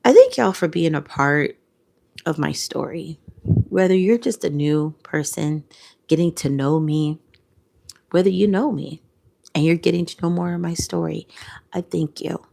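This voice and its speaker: A woman's voice: low voice, unhurried, vocal fry, pauses often, dark tone. A tearful woman, talking in a heartfelt vlog, repeating phrases and sometimes dropping to a whisper. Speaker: content creator. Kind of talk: emotional reflective vlog.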